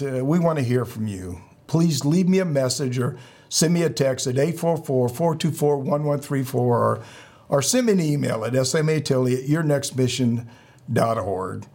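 A middle-aged male podcast host and veteran with a husky voice, speaking earnestly and haltingly as he exhorts his listeners in a sign-off. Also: mid-range voice, a little mellow. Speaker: military veteran.

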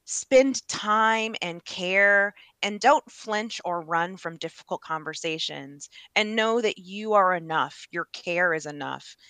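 A woman's voice: fairly low pitch, slow, few pauses, pushed and bright, clean tone, dry recording. A woman guest in an interview, speaking in an earnest, emphatic and upbeat way. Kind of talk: casual interview.

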